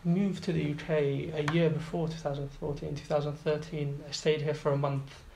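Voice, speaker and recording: A man's voice: on the high side, little pitch movement, moderate pace, vocal fry. A man in his twenties from Iraq, talking as an interview guest, hesitant with many fillers and restarts. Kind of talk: casual interview. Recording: roomy echo, faint background noise.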